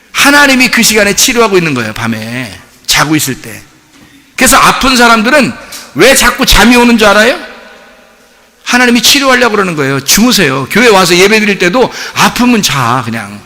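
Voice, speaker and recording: A middle-aged man preaches from the pulpit in a high, ringing voice that leaps up and down with expression. He tells stories with humor and breaks into laughter often. His words trail off into a long, echoing church-hall reverb. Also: a little fast. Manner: animated, humorous storytelling with frequent laughs. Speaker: pastor. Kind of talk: sermon. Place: church sanctuary.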